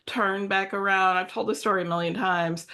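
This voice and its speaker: A woman's voice: medium pitch, steady tone, normal speed, pushed and bright. A woman hosting a panel discussion over a video call, telling a story in a heartfelt, emotional way. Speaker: editor and discussion host.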